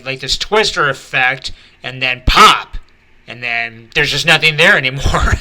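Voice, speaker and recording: A man casually reading through manga chapters page by page, chatty and full of fillers and excited asides. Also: mid-range voice. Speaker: manga reviewer and channel host.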